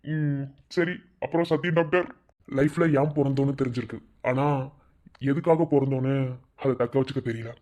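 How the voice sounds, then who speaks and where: A man voicing a calm male rival who gives earnest advice in a low, measured way. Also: natural voice.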